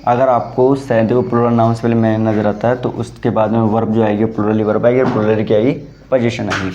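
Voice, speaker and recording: A man's voice: fairly low pitch, little pitch movement, fast talker, warm tone, a little hiss or hum. A man teaching an English grammar class in Hindi, explaining step by step, calling his students "beta" and checking if they understood. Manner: explains step by step, asks "samajh mein aaya?"; calls students "beta", repeats "theek hai". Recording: dull lo-fi sound.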